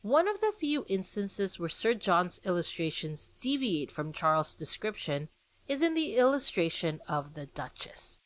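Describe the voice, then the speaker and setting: A podcast host speaks informally about the history behind a classic book's illustrations, chatting in a friendly way and addressing her listeners directly. Her voice is fairly low and a bit bright, with no echo.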